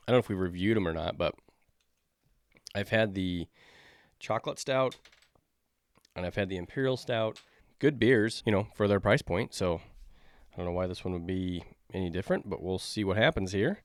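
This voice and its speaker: A man's voice: fairly low pitch, smooth, dry recording, clean studio sound. A man hosting a beer review podcast, talking in a loose, rambling, jokey way.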